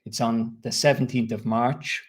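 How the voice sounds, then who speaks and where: With a mid-range voice and fairly even intonation, a man from the Republic of Ireland speaks in an Irish accent while teaching English live online. He talks slowly and clearly in a teacherly way as he reads out comments and answers from viewers.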